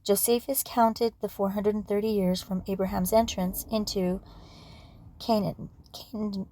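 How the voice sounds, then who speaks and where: A woman losing her voice, reading history aloud at a casual pace, with asides and throat clearing. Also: mid-range voice, steady tone, normal speed, warm tone, slight background noise. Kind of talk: casual read-aloud for sleep.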